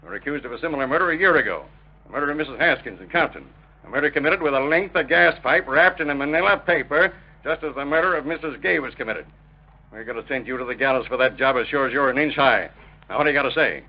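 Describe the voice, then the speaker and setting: Blunt police officer, rapid-fire and accusatory, old radio crime drama, dull vintage sound. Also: male voice, medium pitch, expressive. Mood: accusing. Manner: brusque, clipped, accusatory. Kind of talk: 1930s-1940s radio crime drama acting.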